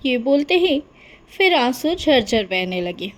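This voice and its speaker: A woman's voice: high voice, very animated, slow pace. A woman narrating a cartoon story in a friendly storytelling manner.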